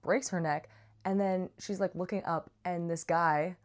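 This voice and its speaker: A woman with a rather low, steady voice speaks a little slowly as a vlog host reviewing a book. She keeps it casual and chatty, tossing in slangy asides and playful, dramatic emphasis.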